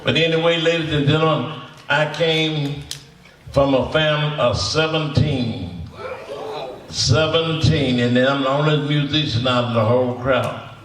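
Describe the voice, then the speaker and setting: A man's voice: mid-range voice, steady tone, a little slow, fairly bright tone. Bluesman in his 80s, folksy rambling tales, kinda far from the mic. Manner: folksy, repetitive, chuckling storyteller. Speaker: panelist blues musician. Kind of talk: storytelling to an audience. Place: symposium hall. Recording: echoey room from far off.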